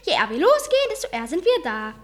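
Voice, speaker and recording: Prim elderly queen, stately royal-we delivery, bright and lilting, read by a woman. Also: high-pitched, huge pitch swings, very fast, voice pushed up. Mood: regal. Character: elderly queen, regal and dry.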